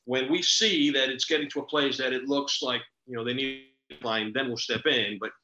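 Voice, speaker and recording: A middle-aged man from El Salvador hosts a casual talk, bright and forceful in tone. He tells stories earnestly and at length. The recording is roomy and a bit dull and lo-fi. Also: mid-range voice, fairly even intonation, brisk. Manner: earnest, expansive storytelling. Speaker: podcast host. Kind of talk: casual conversation.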